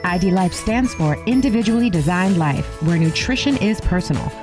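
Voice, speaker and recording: A woman reading a radio ad in a smooth, promotional style. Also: lowish voice, expressive, moderate pace. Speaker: ad announcer. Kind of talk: scripted ad read. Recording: ad read over music.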